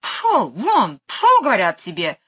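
A woman's voice: lively intonation, normal speed, fairly bright tone. A woman reading an audiobook voices a fussy, hysterical older lady who wails melodramatically over her dog. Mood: indignant. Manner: shrill, wailing and melodramatic. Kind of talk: audiobook character voice. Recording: dull lo-fi recording.

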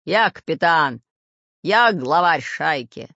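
Narrator doing a pirate captain, fat, red-bearded, growling, bossy, lively pitch, dry dull sound. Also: slow pace, no room sound, exaggerated voice. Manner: growling, gruff.

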